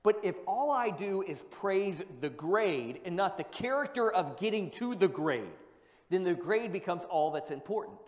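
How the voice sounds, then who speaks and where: A man with a notably high voice delivers a sermon from the pulpit of a church. He drives his points home with rhetorical questions and repeats key lines for emphasis. His words ring out with the long reverb of a big hall. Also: lively intonation, normal speed. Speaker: pastor.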